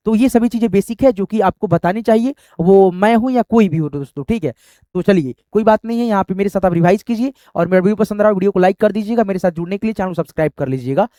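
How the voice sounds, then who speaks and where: A man's voice: high voice, fast talker, dark tone, no room sound, clean studio sound. A man teaching a language lesson, repeating himself and often checking with "okay" and "friends".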